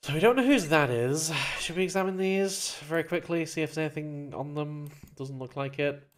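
A let's play gamer reads game dialogue aloud and comments on the playthrough at a moderate pace. Playful, they jump into higher voices for characters.

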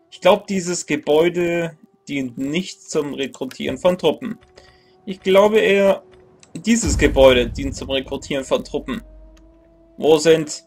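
His voice is a bit high, slightly mellow, and somewhat rough. This twenty-something let's play gamer casually comments on a strategy game from a small room at his computer, muttering complaints, reasoning out loud, and fixing his own words.

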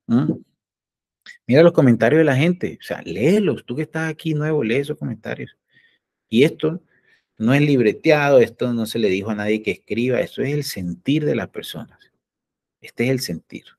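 A man, a doctor hosting a live health stream, talks in an animated, preachy way and acts out the voices he quotes. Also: mid-range voice, creaky.

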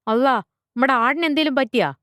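A woman's voice: mid-range voice, animated, fairly quick, clean tone, dry recording, studio quality, close to an everyday voice. A woman reading a story aloud and voicing a blunt middle-aged village butcher. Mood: surprised. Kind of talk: storybook character voice.

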